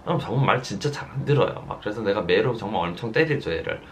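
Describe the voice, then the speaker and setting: A pastor preaching a sermon, telling a story earnestly and repeating phrases for emphasis. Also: male voice, on the low side, animated, slight background noise. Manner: slows down to stress quoted words.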